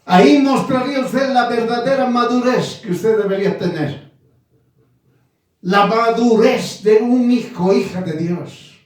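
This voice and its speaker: A man in his nineties preaching a sermon, slow and emphatic, repeating his phrases. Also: sits high, a little mellow. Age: 90s. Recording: echoey room from far off.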